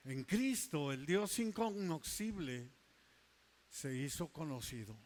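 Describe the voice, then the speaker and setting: A male pastor preaching a sermon, emphatic, stretching key words slowly and dropping into quiet asides. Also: a little high, very animated.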